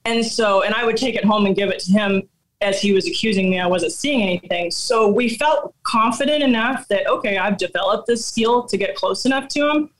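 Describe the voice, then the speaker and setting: A middle-aged woman tells her story in a casual, animated way. She laughs often as she goes, and her voice sits in an ordinary middle pitch. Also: a little fast, rough recording. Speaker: guest hunter.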